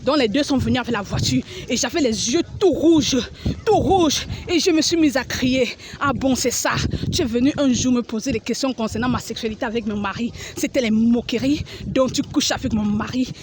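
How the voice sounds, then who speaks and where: A woman's voice: on the high side, fairly quick, hardly any pauses, noisy background. A woman giving an emotional religious testimony, dramatic and repetitive, crying out as she relives the scenes. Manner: dramatic, repeats phrases, cries out and acts out scenes.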